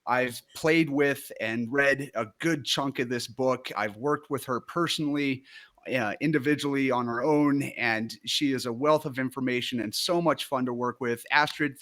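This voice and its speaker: A man hosts a live interview in a mid-pitched voice. He speaks with steady enthusiasm, heaping praise on his guest and asking long, earnest questions. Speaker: host.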